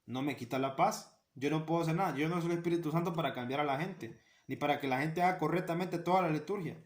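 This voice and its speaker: A man's voice: a little high, quick pace. Earnest man teaching, echoey room. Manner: earnest, repeats key phrases for emphasis. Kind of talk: spoken catechesis talk.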